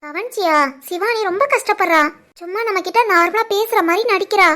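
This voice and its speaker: A caring young cartoon wife, voiced by a woman who speaks softly and thoughtfully in a very high voice. She talks quietly, with gentle concern. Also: brisk. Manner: soft, concerned and reflective. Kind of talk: animated family drama voice acting.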